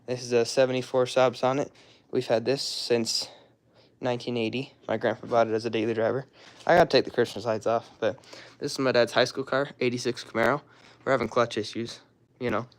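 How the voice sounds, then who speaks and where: Young male vlogger, hoarse, rambling and casual; drifts off mid-thought. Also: medium pitch, flat delivery, a little fast. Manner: rambling, loose and offhand, trails off mid-sentence. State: hoarse, throat-clearing, coughing. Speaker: car hobbyist showing his garage. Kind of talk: casual walkaround vlog.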